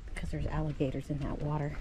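A woman's voice: low-pitched, little pitch movement, fast talker, background noise. Chatty woman vlogging outdoors. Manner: chatty, talks straight to her viewers. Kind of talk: casual vlog narration. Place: outdoor park trails by a spring. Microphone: handheld camera at arm's length.

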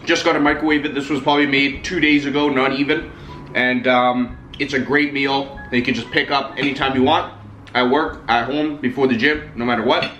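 A young food vlogger reviews packaged meals to camera in Italian, chatty and always calling his viewers "guys." His voice is on the high side and fairly bright, in an echoey room with slight background noise.

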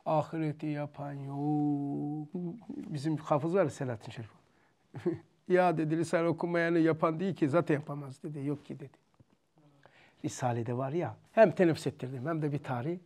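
A man with a slightly higher voice and a Turkish accent delivers a religious lesson. He rises to loud, emphatic preaching, then drops to a softer, storytelling tone when recounting memories. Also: a little fast. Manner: emphatic, rising loud when preaching, soft when telling stories. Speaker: religious teacher.

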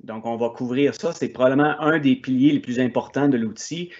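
A man's voice: mid-range voice, a little fast, darkish tone, lo-fi sound. Québécois man giving a tech talk. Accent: Québécois French. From Quebec, Canada. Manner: hesitant, frequent fillers and restarts. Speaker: conference speaker. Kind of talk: technical conference presentation.

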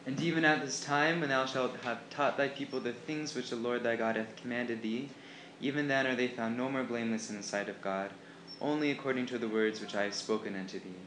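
A man's voice: mid-range voice, fairly even intonation, a little fast, a bit bright. A man reciting scripture. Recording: echoey room with faint noise.

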